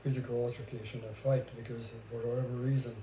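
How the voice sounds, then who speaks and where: Speaking fast at a medium pitch with little pitch movement, this older man from Hungary talks casually about his life and relationship experiences as a vlogger. He has a Hungarian accent, and the audio carries a roomy echo over faint background noise.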